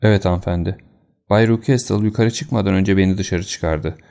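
A man's voice: low-pitched, normal speed, gravelly, mellow. A man reading a plainspoken housekeeper. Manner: plainspoken, confiding. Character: loyal middle-aged housekeeper woman, plainspoken.

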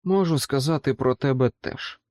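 A man voicing an exhausted male expedition leader who talks slowly, strained and worn out. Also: medium pitch, darkish tone, no echo, clean studio sound, close to an everyday voice. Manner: slow, strained, worn-out speech.

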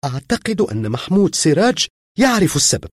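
A tearful, anxious young woman pleads in a raised, strained voice that leaps wildly up and down, as a man reading the story puts her on. The tone is husky and dry, and her worry keeps boiling over. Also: high-pitched, sing-song, fairly quick, a little mellow, dry recording, voice pushed up, exaggerated voice. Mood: distraught. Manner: pleading, rising to distraught outbursts. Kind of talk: audiobook reading.

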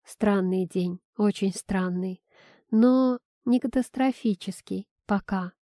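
Warm-voiced woman narrating a story. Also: mid-range voice, slow pace, no echo, studio quality. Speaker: audiobook narrator.

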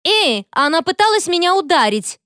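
A woman voicing a bratty teenage girl bully with a shrill, complaining way of talking. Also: big pitch swings, fairly quick, dry recording, clean studio sound. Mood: whining indignant.

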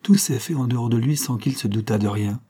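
A shrewd, calm detective who speaks in a measured, probing way in an audiobook, as a male narrator reads him. The voice is dark and husky. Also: medium pitch, lightly acted. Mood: decisive. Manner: composed, probing, decisive.

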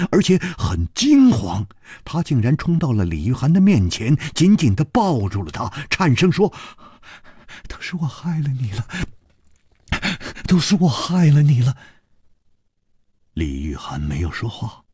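Male radio storyteller, hugely varied pitch, slow measured pace, husky, dry. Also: dark tone, no echo. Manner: dramatic, highly varied delivery. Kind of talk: Chinese radio storytelling of a martial-arts novel.

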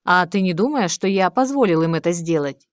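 A scheming male demon lord, cold and predatory, coaxing and mocking in a low, dry voice, as a woman reads him in an audiobook. His menace is quiet, not shouted. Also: animated, a little fast, dry recording, close to an everyday voice.

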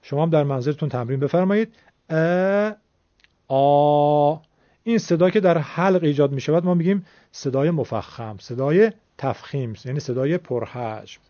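A man gives a radio pronunciation lesson, voice sitting a little high for a man. He explains patiently and sounds out letters slowly. The recording is dull and dry, like an old broadcast. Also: darkish tone, dry recording. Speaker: Quran recitation teacher.

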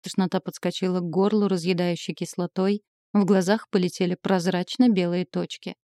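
A woman narrates a romance novel in the first person with expressive, emotional delivery. Her voice sits low and mellow. The recording is close and completely dry. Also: a little fast, no room sound. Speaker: audiobook narrator.

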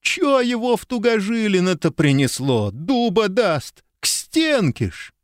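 A panicky village drunk wails in a high, cracking pitch, his rustic speech jumping all over the place, as a male reader puts him on. The storybook reading is dry and close. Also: sing-song, unhurried, no room sound. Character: panicky rural drunk man, whining.

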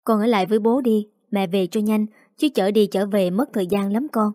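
A woman voicing a gentle young mother who speaks calmly and soothingly to her child, with soft music behind. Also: mid-range voice, brisk, no echo, studio quality, natural voice.

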